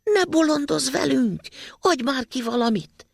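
Man doing scheming robber, hushed urgent voice, rough gravelly tone, storybook. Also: very high-pitched, expressive, dry recording, clean studio sound, voice pushed up, heavily acted. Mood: hushed urgency. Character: two scheming adult male robbers, nervous. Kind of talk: storybook reading.

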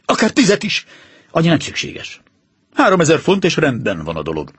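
A man voicing a calm, stern detective in an audiobook reading, explaining in a measured, authoritative way. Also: on the high side, slightly rough, dry recording, exaggerated voice. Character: calm, stern male detective, confident and precise.

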